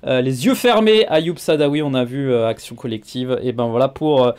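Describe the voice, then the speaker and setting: A man's voice: mid-range voice, normal speed, a little mellow, smooth. A man hosting a sports show, chatting casually with many filler sounds and asking his guest questions. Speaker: show host.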